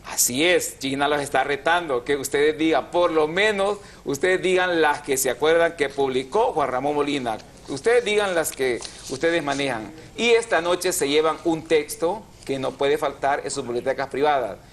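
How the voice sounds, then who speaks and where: Male TV host, somewhat high-pitched, didactic and explanatory. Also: normal speed, few pauses. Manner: explanatory, checks in with "¿verdad?". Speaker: TV language show host. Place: TV studio.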